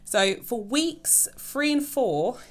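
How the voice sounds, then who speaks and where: Speaking slowly in an animated, higher-pitched voice, a woman chats with viewers of her own budgeting channel. The vlog is casual and chatty, and she keeps calling her audience "guys."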